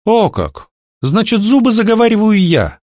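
A man's voice: high-pitched, sing-song, normal speed, a little mellow, no room sound, clean studio sound, pitched above the performer's own voice. A man voicing a bold young heroine who answers her captor in a teasing, sweetly mocking way.

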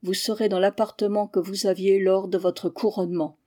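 A woman's voice: medium pitch, little pitch movement, moderate pace, mellow, close to an everyday voice. A woman voicing a polite, formal male fortress governor in a historical reading.

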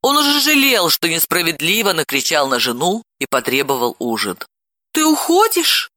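Male audiobook narrator, expressive dramatic reading, bright tone, dry close recording. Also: on the high side, a little fast, no room sound.

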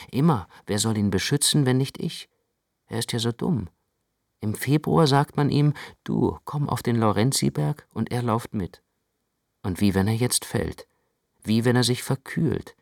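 An actor playing an anxious, introspective young man who narrates his own night walk in a literary radio play, speaking in a measured, intense way. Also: fairly low pitch, gravelly, dry recording, studio quality. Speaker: first-person narrator.

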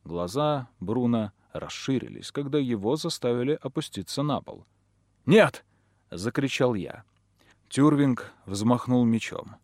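A man narrating a first-person audiobook, measured and dramatic. His voice sits at a middle pitch. The recording is dry and close, with no room sound. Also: darkish tone, no echo.

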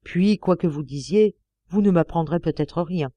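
A woman's voice: lowish voice, moderate pace, mellow, no echo, lightly acted. A woman voicing a young male policeman in an audiobook, coaxing and insistent in his questions. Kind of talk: audiobook character reading.

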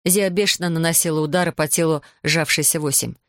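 A woman narrating an audiobook with even, expressive storytelling. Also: low voice, fairly quick, no room sound, studio quality.

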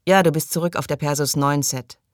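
A man voicing a calm, gently sardonic male crew leader in an audiobook, speaking evenly. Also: on the high side, fairly quick, dry recording, studio quality, natural voice. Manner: gentle, even, dryly mocking.

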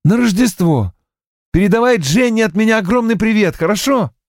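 Man voicing a drowsy, teary young woman detective for an audiobook, higher voice, dry sound. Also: lively intonation, moderate pace, dry recording. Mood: sleepy, touched. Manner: drowsy, softly emotional.

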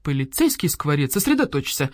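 A composed old badger sleuth asking careful questions, as a woman reads him. He stays polite and unhurried, his lower voice keeping an even, reasoning tone in a dry reading. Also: no echo. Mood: patient. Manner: polite, patient, measured. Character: calm, reasoned elder badger detective.

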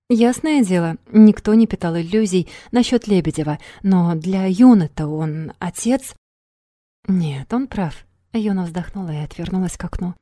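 A woman narrating an audiobook in an even, measured storytelling manner. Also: mid-range voice, no room sound, studio quality.

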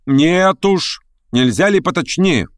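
A man's voice: a little high, lively intonation, slow pace, dry recording, studio quality, pitched above the performer's own voice. A man doing Verkhovensky, a needling schemer. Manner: insistent, needling, raised voice. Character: pushy scheming young male conspirator.

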